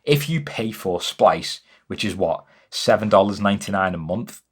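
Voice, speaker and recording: Brief: young guy, slightly low voice, enthusiastic and chatty, home studio explainer. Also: normal speed, slightly rough. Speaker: music business educator. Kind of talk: casual to-camera explainer. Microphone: camera-mounted mic.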